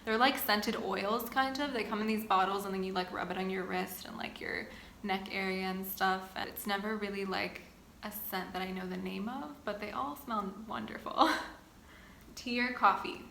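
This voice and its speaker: Bright-voiced young woman chatting in an echoey room. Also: mid-range voice, steady tone, normal speed, vocal fry. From Boston area, United States. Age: 20s. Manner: chatty, reads questions then answers at length. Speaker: vlogger. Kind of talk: sit-down get-to-know-me chat. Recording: echoey room with faint ambient noise.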